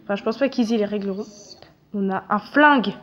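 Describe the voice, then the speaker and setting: A woman's voice: mid-range voice, fairly quick, a little hiss or hum. A young woman giving casual, chatty commentary as she plays a game, self-mocking and swearing casually at it. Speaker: gaming video creator. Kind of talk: casual let's-play commentary. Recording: dull, slightly lo-fi audio.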